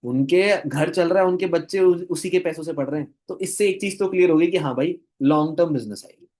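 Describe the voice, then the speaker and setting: A man's voice: on the high side, a little fast, darkish tone. A man giving a casual, enthusiastic talk to camera, recapping a training session for his business team. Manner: chatty, enthusiastic, chuckles while retelling. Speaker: network-marketing trainer.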